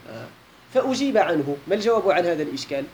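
A man's voice: high voice, very animated, very fast, a little hiss or hum. A man with a Moroccan accent teaching a classical Arabic grammar lesson, posing questions to his students and repeating key points, with colloquial asides.

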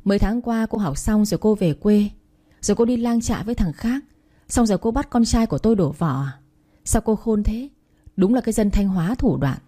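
A woman's voice: medium pitch, quick pace, warm tone, lightly acted. A woman reading a storybook aloud and voicing a cold, scornful middle-aged mother who insults her son's pregnant girlfriend. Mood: contemptuous. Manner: mocking, dismissive.

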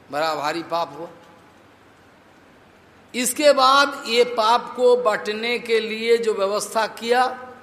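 High-voiced man preaching in an echoey hall. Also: bright, forceful tone, a little hiss or hum. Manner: rhetorical check-ins with listeners; mixes in English words. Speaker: monk preacher. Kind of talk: devotional sermon storytelling.

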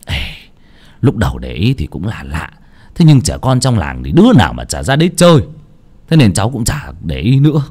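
A man playing a gruff village man who scolds loudly, in an audio storybook. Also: lowish voice, huge pitch swings, fairly quick. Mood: uneasy. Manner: gruff, shouting when scolding.

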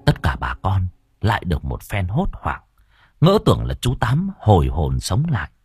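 A man narrating an audio novel with expressive storytelling. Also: low voice, normal speed, husky, no room sound.

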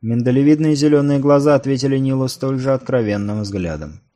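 A man's voice: medium pitch, a little fast, dark tone. Man reading a fantasy audiobook. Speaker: audiobook reader. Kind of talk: scripted fantasy narration.

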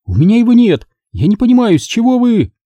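A man reading an audiobook and voicing a scheming, easily flustered wealthy woman who turns shrill and indignant. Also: animated, moderate pace, warm tone, dry recording. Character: anxious scheming wealthy middle-aged woman.

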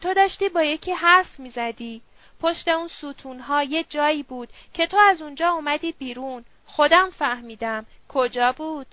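A woman's voice: high-pitched, no room sound, lo-fi sound, close to an everyday voice. A woman voicing a suspicious young woman who presses with questions.

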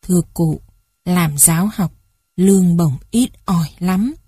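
Woman doing a polite young teacher guy, slow and husky, super formal. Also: lowish voice, warm tone, no room sound, clean studio sound. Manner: deferential, courteous.

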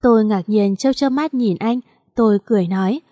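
A woman's voice: mid-range voice, brisk, dark tone, dry recording. Woman reading a story, dry close sound. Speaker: audiobook narrator. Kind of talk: scripted first-person story narration.

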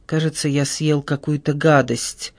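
Male narrator doing a sullen sixteen-year-old boy, mumbling, apologetic, slow, dry close sound. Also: a little high, little pitch movement, no room sound.

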